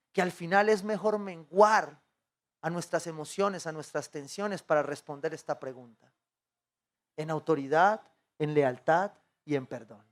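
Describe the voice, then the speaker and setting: A man with a Colombian accent preaching a sermon as pastor, telling stories and putting questions to the congregation. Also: a little high. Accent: Colombian Spanish. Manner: animated storytelling, acting out dialogue, asking the congregation questions. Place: church.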